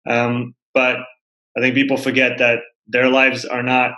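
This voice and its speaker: A man's voice: medium pitch, completely flat delivery, unhurried, sharp tone, dull audio. A man hosting an interview, a personal trainer himself, asking long questions and repeating words as he forms them. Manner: searching, repeats words while forming questions. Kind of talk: conversational interviewing. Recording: roomy echo.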